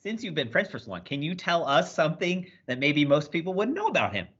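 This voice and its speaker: Lively, bright-voiced man hosting. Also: on the high side, fairly quick, slightly rough. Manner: playful, joking questions. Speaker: podcast host. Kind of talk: casual interview chat. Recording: muffled call audio.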